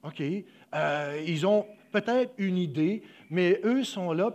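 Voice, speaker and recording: A young man giving a sermon, emotional and halting, often dropping his voice, with many fillers. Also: on the high side. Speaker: preacher.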